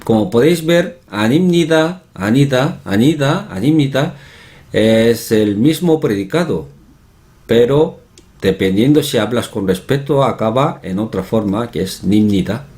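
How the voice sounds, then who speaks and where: Animated male language teacher. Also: lowish voice, a little slow. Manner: explains patiently, repeats example words several times; chatty asides, often asks "¿no?". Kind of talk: online language lesson.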